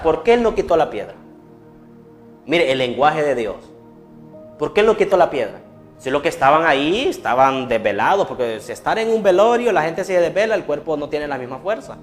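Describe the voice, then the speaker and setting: High-voiced male preacher with restarts. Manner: repeats a refrain, frequent stammered restarts. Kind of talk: sermon.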